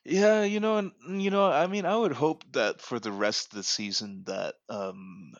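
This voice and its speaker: A mid-range male voice, steady and at normal speed, belongs to a casual sports podcast co-host who rambles and keeps restarting, with frequent fillers. The home podcast microphone has no echo, but the highs are cut off.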